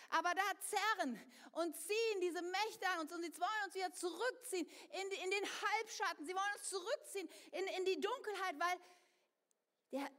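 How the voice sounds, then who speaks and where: A woman with a high voice preaches a sermon in a church hall, talking straight to her congregation and giving voice to the thoughts she describes. Her words ring out with a long reverb that trails off around the room. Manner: expressive, acts out inner voices, addresses congregation directly.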